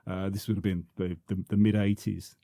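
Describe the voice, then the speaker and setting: A man's voice: deep voice, little pitch movement, fairly quick, creaky, dark tone, no echo, clean studio sound. A man, reminiscing as a podcast guest, full of restarts and repeated words. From South London, England. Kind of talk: reminiscing conversational interview.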